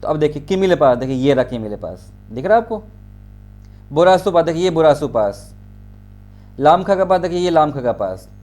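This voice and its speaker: A man's voice: a little high, very animated, normal speed, a little mellow. A man teaching a geography exam-prep lesson, pointing out places on a map, repeating names and often checking whether his students have followed. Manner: addresses students directly, checks understanding.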